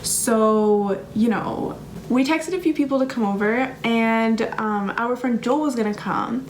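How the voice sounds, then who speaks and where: A young woman vlogger telling a casual storytime with fast, breathless, swear-laden delivery. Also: on the high side, a little hiss or hum.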